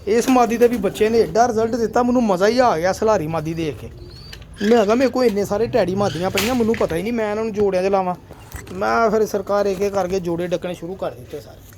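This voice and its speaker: A man's voice: high-pitched, fast talker, darkish tone, slight background noise. A man hosts a chatty walkthrough of his pigeon loft, showing off his birds and blessing them often, with pigeons cooing behind him. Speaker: pigeon keeper and channel host.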